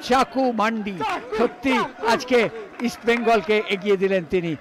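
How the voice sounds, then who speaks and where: A man's voice: sits high, moderate pace. A man giving emphatic live football commentary, exclaiming on shots and goals. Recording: noisy outdoor ground with crowd din. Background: crowd and ambient stadium noise.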